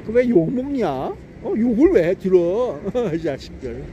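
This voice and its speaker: A man's voice: sits high, very animated, takes it slowly, warm tone, highs cut off, a little hiss or hum. A man giving a casual political monologue, mocking and scolding, firing off rhetorical questions and laughing to himself. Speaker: political commentator.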